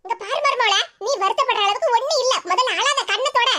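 A woman's voice: very high voice, fast, bright, forceful tone. A woman voicing a scheming, quarrelsome old mother-in-law in a cartoon, with a Tirunelveli Tamil accent and a scolding, theatrical manner. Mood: soothing. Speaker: cartoon voice actor. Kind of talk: comic cartoon voice acting. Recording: noisy recording.

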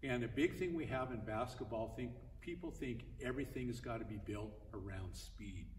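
An older man coaches basketball drills in a large indoor gym, speaking plainly at a moderate pace in a mid-range voice and repeating his points, often raising it while dribbling. It's an instructional demonstration caught by a camera mic at a distance, so the gym sounds echoey and far off, with a basketball bouncing and a little hiss or hum.

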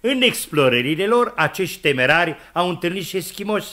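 A man telling a comic radio monologue in a theatrical way, acting out shouts, wind and wolf howls. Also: sits high, big pitch swings. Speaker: comic narrator.

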